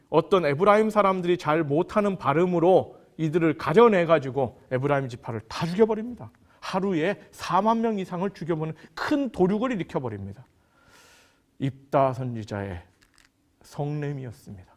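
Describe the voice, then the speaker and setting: A male pastor delivers a sermon in a fairly high voice. His pitch swings widely as he rises to acted scripture quotes and drops low for emphasis. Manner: preaching with dramatic pitch swings, quoting scripture.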